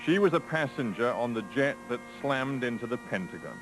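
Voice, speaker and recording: A man reporting as a television news correspondent in a measured, grave scripted delivery, heard from a worn videotape copy. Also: mid-range voice, animated, loud music behind the voice. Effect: worn VHS tape copy.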